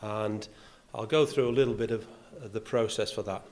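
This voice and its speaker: Somewhat low and a little mellow, this man's voice moves at a moderate pace with fairly even intonation. He is an older Yorkshireman with a faint accent, addressing an audience in a clubhouse function room as the golf club's vice captain, dryly self-deprecating and full of "uh"s.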